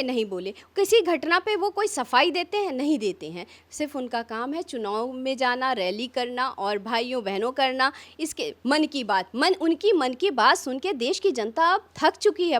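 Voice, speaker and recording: A woman's voice: high voice, expressive, a bit bright. A woman politician giving an impassioned interview, firing rhetorical questions one after another. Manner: fiery, rapid rhetorical questions. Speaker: opposition politician.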